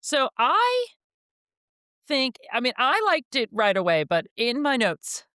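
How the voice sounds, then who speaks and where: A woman's voice: sits high, wildly swooping pitch, takes it slowly, bright, forceful tone, no room sound, clean studio sound. A young woman co-hosting a book podcast, chatting casually and animatedly with lots of filler words. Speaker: podcast co-host.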